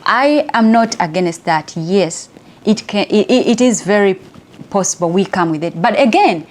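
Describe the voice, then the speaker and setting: A woman's voice: medium pitch, moderate pace. Chatty Ugandan woman telling a story. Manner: chatty, laughs often, lively. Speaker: inspirational speaker. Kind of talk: personal storytelling monologue.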